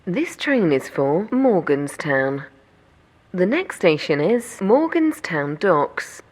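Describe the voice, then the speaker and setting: A woman's voice giving automated onboard train announcements, speaking in measured, polite set phrases. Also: on the low side, very animated. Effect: onboard train announcement system.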